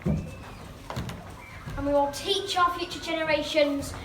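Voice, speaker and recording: A woman's voice: sits high, fairly even intonation, takes it slowly. A female performer playing a resolute key worker who defies a villain in a school play. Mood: defiant. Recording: echoey, very noisy hall, distant mic.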